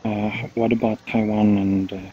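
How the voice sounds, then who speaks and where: A man's voice: lowish voice, level tone, moderate pace. A man from Sweden hosting a casual group chat in a virtual world, hesitant with many fillers and restarts. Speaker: club host. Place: online voice chat. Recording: dull lo-fi stream audio with faint noise.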